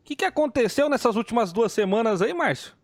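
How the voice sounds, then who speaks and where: A man's voice: very high voice, lively intonation, a little fast, no room sound, studio quality. A man co-hosting a casual sports live stream, joking and laid-back. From Brazil. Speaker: co-host of a sports show.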